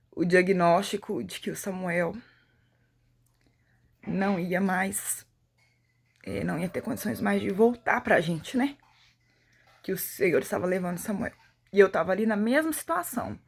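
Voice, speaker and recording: Brazilian lady sharing her faith testimony, kinda husky voice, really emotional storytelling. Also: mid-range voice, expressive, normal speed, pauses often. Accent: Brazilian Portuguese. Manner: emotional storytelling, acting out the dialogue she retells. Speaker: testimony speaker.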